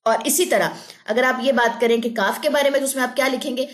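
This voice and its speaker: Young woman tajweed teacher with a fairly high voice, patient and methodical, drills sounds slowly. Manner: explains step by step, checks understanding with "theek hai ji"; drills syllables slowly and drawn out. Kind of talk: online lesson.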